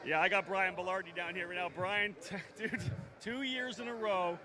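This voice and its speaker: A man's voice: sits high, steady tone, moderate pace. A male pit reporter doing a chummy, upbeat live radio interview at the track. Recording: crowd noise at racetrack.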